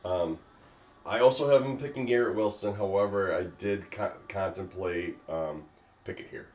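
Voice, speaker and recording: A man hosting a casual discussion, talking in a halting way with many fillers. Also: sits low, darkish tone. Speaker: host. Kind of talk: casual draft pick discussion. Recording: echoey room.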